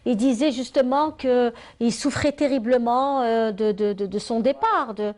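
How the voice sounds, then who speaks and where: A woman's voice: on the high side, a little slow, a little mellow. A woman with an Algerian accent hosting a live interview and phone-in, hesitating and repeating short acknowledgements. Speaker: TV host.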